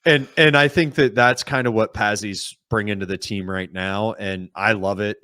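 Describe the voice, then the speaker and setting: A man co-hosting a sports podcast, talking casually and at length in a calm, explaining way. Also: on the low side, normal speed, dry recording, studio quality. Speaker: podcast co-host.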